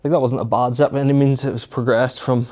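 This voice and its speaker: A man's voice: medium pitch, fairly even intonation, fast, darkish tone. A young man giving casual, matter-of-fact commentary on his training between weightlifting sets in an informal way. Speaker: fitness vlogger.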